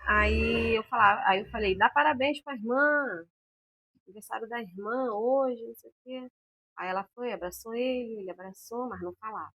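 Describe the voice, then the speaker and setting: Here a mother of a patient, appearing as an interview guest, tells a personal story about her son in a fairly high, slightly breathy voice at a moderate pace. She's animated, voicing the people in the story as she recounts what they said.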